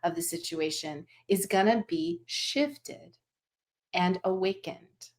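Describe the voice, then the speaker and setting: Gentle, rambling woman teacher, low voice. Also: animated, slow. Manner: gentle, meandering, with fillers and restarts. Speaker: animal Reiki teacher. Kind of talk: teaching talk to students.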